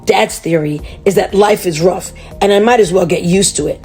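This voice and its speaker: A woman reading a chapter book aloud to children, chatty and animated. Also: fairly low pitch, moderate pace, soft background music.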